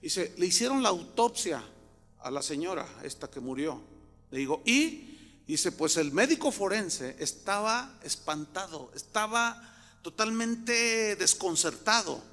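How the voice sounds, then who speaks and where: A man from Mexico preaching a sermon, telling a story and often rising to loud, emphatic outbursts. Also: high-pitched, expressive, a little slow, soft background music. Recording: long hall reverb.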